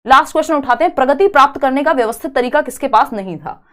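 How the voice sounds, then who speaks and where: A woman's voice: sits high, fast, fairly bright tone. A young woman teaching an exam prep grammar lesson live online, explaining step by step and asking the class questions. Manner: chatty explaining, rhetorical questions to students.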